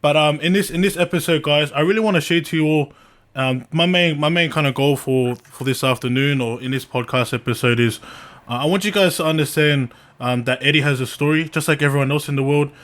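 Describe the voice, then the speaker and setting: A man with a slightly high voice hosts a podcast. He chats casually and earnestly, using plenty of slang and often repeating words as he goes. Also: brisk, fairly bright tone. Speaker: podcast host. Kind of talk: casual chat.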